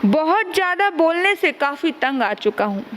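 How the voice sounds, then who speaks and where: A woman's voice: sits high, big pitch swings, normal speed, fairly bright tone, big-room sound, a little hiss or hum. A woman acting out a fed-up young son in a joke during a sermon. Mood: complaining.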